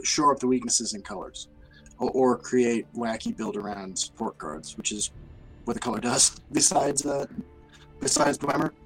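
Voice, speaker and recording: Male podcast co-host, casual and self-deprecating, with a gravelly, fry-edged voice. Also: medium pitch, low-quality recording. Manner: self-deprecating, laughs often, halting restarts.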